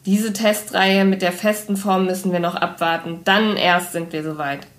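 A woman's voice: on the low side, fairly even intonation, lightly acted. A woman voicing a cold, stern female scientist who hisses her words sharply, in a storybook reading. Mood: scolding. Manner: hissing, clipped, slow.

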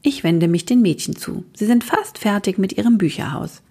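A woman narrating a children's story in the first person, lively and expressive. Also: medium pitch, normal speed, husky. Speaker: audiobook reader.

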